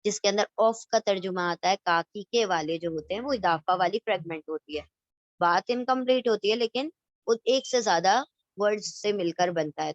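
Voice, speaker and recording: A woman's voice: mid-range voice, dry recording, highs cut off. A woman teaching Arabic grammar who explains patiently, repeats each term and keeps checking that her students follow, mixing in English grammar words. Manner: explains patiently, repeats terms, asks "theek hai?" to check understanding; mixes in English grammar words and Urdu-flavoured vocabulary. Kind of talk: recorded lesson revising a past lecture.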